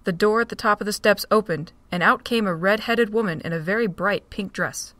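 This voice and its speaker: A woman narrating an amateur audio drama with an even, steady reading. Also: mid-range voice, a little fast, no room sound.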